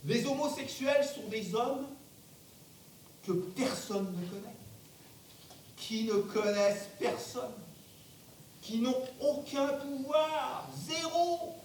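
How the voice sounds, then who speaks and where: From far off in an echoey theatre comes an arrogant, blustering power broker. He declaims slowly and emphatically, in a very high voice full of angry denial. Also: full character voice. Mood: blustering, defiant. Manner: emphatic, declamatory, bursts into shouting. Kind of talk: theatrical stage monologue. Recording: distant mic, very echoey theatre, rumbling noise.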